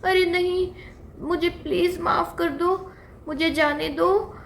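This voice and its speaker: Woman voicing a squeaky, weepy baby deer for a kids' puppet story. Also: sing-song, slow, slight background noise, heavily acted. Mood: tearful pleading. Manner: crying, pleading. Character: small scared baby deer, tearful and pleading.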